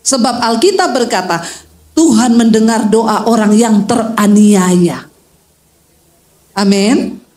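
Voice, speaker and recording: High-voiced woman pastor telling a story. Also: slow, long pauses. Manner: animated, acts out quoted voices, addresses the crowd directly. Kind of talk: storytelling sermon. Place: outdoor field gathering.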